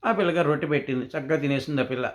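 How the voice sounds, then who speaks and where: A man's voice: fairly high pitch, rapid-fire. A man narrating a humorous children's story in a conversational way, often asking and answering his own questions.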